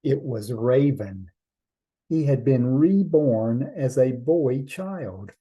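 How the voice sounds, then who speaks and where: A man telling a traditional trickster tale as a storyteller, in measured short phrases with deliberate pauses. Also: mid-range voice, expressive, husky, muffled recording.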